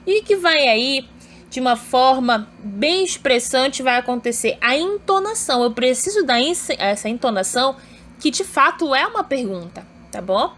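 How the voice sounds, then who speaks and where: A woman's voice: sits high, expressive, moderate pace, a bit bright, a little hiss or hum. A woman teaching an online grammar lesson, explaining step by step and often checking in with her students.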